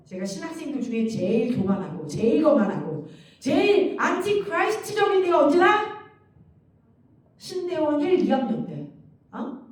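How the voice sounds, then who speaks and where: Woman preacher, high expressive voice, animated and teasing delivery; recorded far off in a very echoey hall. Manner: animated, laughing, mocking asides. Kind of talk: sermon. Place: church sanctuary. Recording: very echoey hall, mic at distance.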